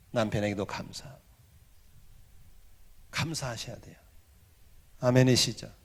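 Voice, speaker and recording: A man in his sixties preaching a Sunday sermon, leading the congregation in call-and-response and swinging from hushed asides to loud exhortation. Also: on the low side, vocal fry. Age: 60s. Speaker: pastor. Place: church sanctuary.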